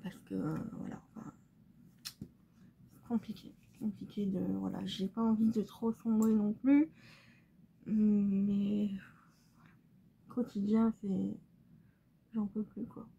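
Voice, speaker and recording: Young woman chatting slow while doing her makeup at home, soft, lots of ums, kinda dull recording. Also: mid-range voice, steady tone, gravelly, a little hiss or hum. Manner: hesitant, halting, many fillers; soft and subdued. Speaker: beauty vlogger. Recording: slightly dull recording, faint room ambience.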